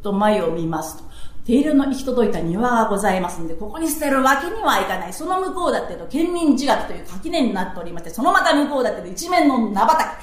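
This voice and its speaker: Female comic storyteller, high bright voice, echoey room. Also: sing-song, fast talker.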